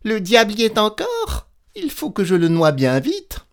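A man's voice: mid-range voice, expressive, slow, a little mellow, voice pushed up. A man voicing a crafty, cheerful male peasant trickster in a storybook reading. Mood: mock-scared. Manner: crafty, mock-fearful.

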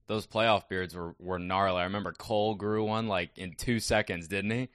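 Upbeat male interviewer with a bright, punchy voice and dry, close sound. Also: low voice, steady tone, normal speed, clear, resonant tone, dry recording. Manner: upbeat, chatty questioning. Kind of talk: casual interview questions.

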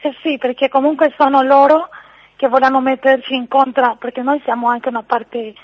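Calling a radio phone-in from abroad, this accented woman offers her spontaneous views in a high-pitched voice that barely moves in pitch. She talks at an ordinary speed, and the sound is dry and thin, typical of a phone connection.

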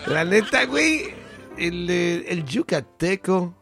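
Gravelly Mexican podcast host man. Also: sits high, big pitch swings, takes it slowly, loud music behind the voice. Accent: Mexican Spanish. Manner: joking, crude slang, lots of filler. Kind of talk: casual podcast chat.

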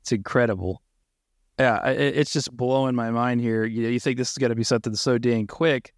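A man's voice: mid-range voice, steady tone, brisk, no echo, studio quality. A man co-hosting a wrestling podcast, enthusiastic, reading out title history in casual chat. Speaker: podcast co-host.

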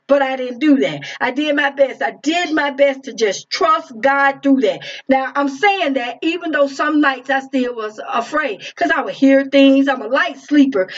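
A middle-aged woman preaching an informal streamed sermon, repeating her phrases and speaking straight to her listeners. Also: sits high. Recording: dull lo-fi stream audio.

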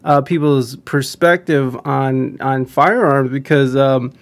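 A man's voice: medium pitch, takes it slowly. A man from the United States hosting a podcast, chatting casually with lots of stammering restarts. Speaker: podcast host. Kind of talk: casual interview chat.

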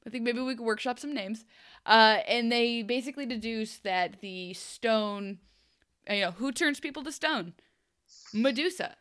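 A young woman co-hosting a podcast, recapping a TV episode in casual chat, animated and chatty with playful asides. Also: fairly high pitch, measured pace, clear, resonant tone. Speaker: podcast co-host.

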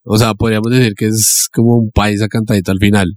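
A man's voice: lowish voice, little pitch movement, quick pace, darkish tone, no echo, clean studio sound. A Colombian man co-hosting a podcast, playful and laughing easily in casual chat on a phone mic. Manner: playful, laughing between remarks. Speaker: podcast co-host.

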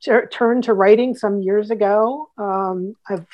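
A woman's voice: medium pitch, fairly even intonation, measured pace, lo-fi sound. A woman from Ohio, a children's author, talks about her work in a chatty, enthusiastic way, with many fillers. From Columbus, Ohio. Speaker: guest author. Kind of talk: casual interview chat.

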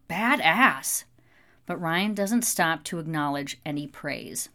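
A woman reading an audiobook in steady scripted narration. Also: fairly low pitch.

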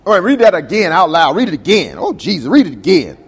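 A man's voice: on the high side, very animated, quick pace, husky, in a large hall. A male pastor preaching a sermon in a call-and-response style, asking his congregation questions. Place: church sanctuary.

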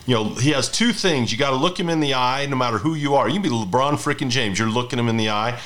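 A man's voice: mid-range voice, fast, a bit bright. A man in his fifties hosting a conversational interview, telling rambling anecdotes between questions. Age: 50s. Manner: rambling storyteller who hosts the interview. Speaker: podcast host.

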